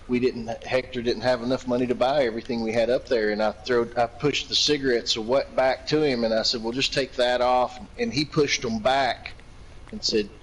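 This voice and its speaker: A man's voice: medium pitch, low-quality recording. Man, from Virginia, casual chat, profane, rambling stories, faint background hiss. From Virginia, United States. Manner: profane, rambling anecdotes, laughs a lot.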